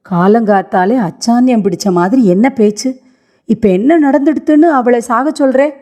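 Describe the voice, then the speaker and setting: A grieving old grandmother, widowed as a girl and stubborn, pleads and laments through tears in a pitch lifted above a reader's normal voice, as a woman storyteller puts her on. The tone stays mellow and soft even at its rawest. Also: moderate pace, close to an everyday voice. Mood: angry.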